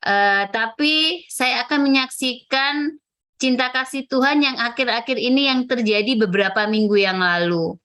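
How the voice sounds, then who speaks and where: A woman's voice: a little high, normal speed, fairly bright tone. A woman gives a personal church testimony at a prayer fellowship. She tells it in a chatty way, with fillers and acted quotes of herself. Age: 40s.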